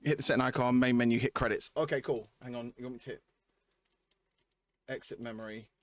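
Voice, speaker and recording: In a dry recording, a man speaks briskly with a steady, medium-pitched tone while casually chatting on a game livestream. Informal, swearing, and repeating himself often, he's an adult parent of young kids, with clear music behind him.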